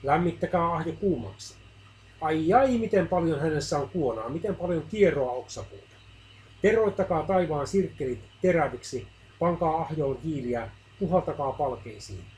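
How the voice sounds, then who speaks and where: A man's voice: on the high side, animated, darkish tone, natural voice, rough recording. A man reading out the commands of a stern male God in a devotional story, in solemn decrees. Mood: commanding.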